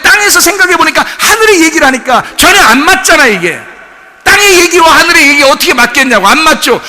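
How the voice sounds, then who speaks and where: A man preaching a sermon as pastor, animated, asking the congregation rhetorical questions. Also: very high-pitched. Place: church sanctuary. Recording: long church reverb.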